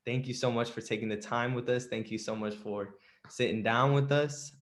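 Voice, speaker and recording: A man's voice: mid-range voice, steady tone, moderate pace. A young man hosting a podcast, introducing the show and guest in a friendly, casual way. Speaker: podcast host.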